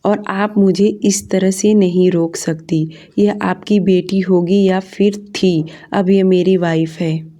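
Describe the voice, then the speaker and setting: A woman's voice: on the low side, fairly even intonation, mellow. A woman voicing a furious, domineering young businessman husband in an audio story, harsh and commanding. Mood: angry, domineering. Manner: harsh, commanding, fast when angry.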